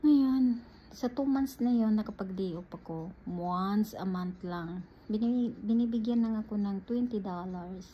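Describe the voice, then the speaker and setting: A woman vlogger from the Philippines, with a mid-range voice and measured pace, tells her viewers about her life in a casual, animated way, addressing them as "guys." The recording is dull and lo-fi with some faint ambient noise.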